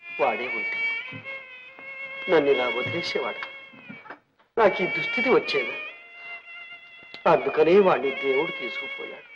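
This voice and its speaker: An actor playing an old, ruined former millionaire suffering from leprosy, who speaks in a tearful, sorrowful and humble way. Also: male voice, fairly high pitch, wildly swooping pitch, measured pace, pauses often. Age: older. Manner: sorrowful, tearful, self-pitying pleading. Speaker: film character. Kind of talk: 1960s Telugu film drama. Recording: dull old film soundtrack with music.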